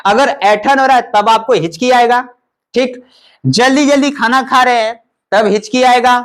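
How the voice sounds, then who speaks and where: A man's voice: very high voice, moderate pace. A male teacher explains a lesson over a diagram, asking questions and answering them himself with much repetition.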